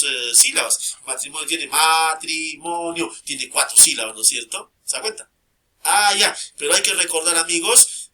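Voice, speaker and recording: A man's voice: fairly high pitch, bright, forceful tone. A man teaching a grammar lesson, repeating key terms and checking in constantly with short questions to his students.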